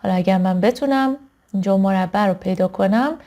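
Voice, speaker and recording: A woman teaching an online English vocabulary lesson. She says each word slowly and carefully, then explains and checks in with her students often. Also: mid-range voice, dark tone.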